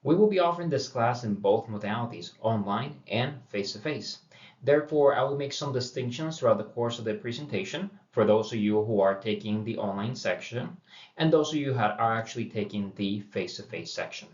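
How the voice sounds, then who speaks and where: A man's voice: medium pitch, lively intonation, a little fast. A middle-aged man from Puerto Rico introducing a university course, talking casually with many fillers and restarts. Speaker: university instructor. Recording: dull roomy audio from a distance.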